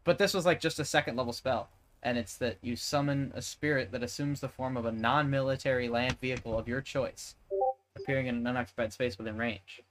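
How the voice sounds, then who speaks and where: A man chatting at a tabletop game, rambling through spell rules with plenty of fillers. His voice sits at an ordinary middle pitch. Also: steady tone, fairly quick, a bit bright, a little hiss or hum, rough recording. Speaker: player. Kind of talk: casual tabletop game chat.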